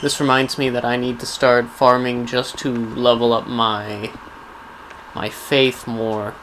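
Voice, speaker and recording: A man's voice: medium pitch, little pitch movement, moderate pace, fairly bright tone. A man giving casual, rambling gameplay commentary as host, musing wryly as if to himself. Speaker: gaming video host. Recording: clearly noisy background under voice.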